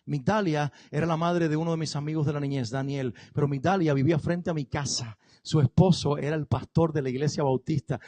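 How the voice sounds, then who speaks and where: A pastor delivers a sermon with an earnest, storytelling manner, turning often to address his congregation directly. The man's voice sits high for a man. The sound is dry and close, with little room echo. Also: fairly even intonation, brisk, warm tone. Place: church.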